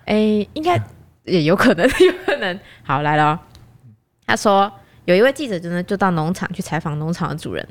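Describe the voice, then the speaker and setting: A woman co-hosting a casual podcast chat, retelling jokes with frequent laughter, with a Taiwanese Mandarin accent. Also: a little fast. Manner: animated, laughs often, shrill when amused. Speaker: podcast co-host.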